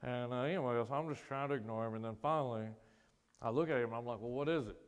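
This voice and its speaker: A man's voice: mid-range voice, quick pace, clean tone. A man who is a military veteran, speaking to a school assembly and telling a personal story with casual, self-deprecating humor. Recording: long hall reverb.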